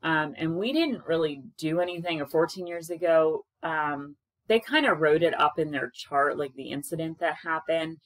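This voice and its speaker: A caregiver in her thirties shares her experiences in casual, frank advice to camera, her low voice loud and projecting. She speaks at a normal speed into a webcam in a small room with a plain wall. The recording is low quality but has no echo.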